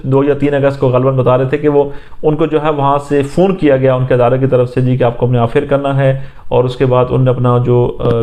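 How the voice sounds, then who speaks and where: A man with a Pakistani accent and a warm, mid-range voice delivers unscripted political news commentary. He recounts events haltingly and repetitively, with many fillers.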